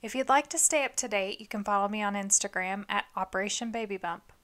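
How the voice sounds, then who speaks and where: A woman's voice: medium pitch, fast, over loud music. Chatty, playful woman hosting a podcast. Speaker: podcast host. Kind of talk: casual chat.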